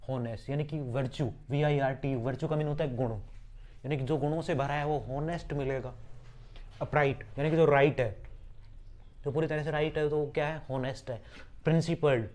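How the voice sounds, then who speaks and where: Spelling every word one letter at a time, a man in a mid-range, slightly mellow voice prepares students for an English vocabulary exam. He breaks down roots and meanings, often repeats words, and asks himself rhetorical questions along the way.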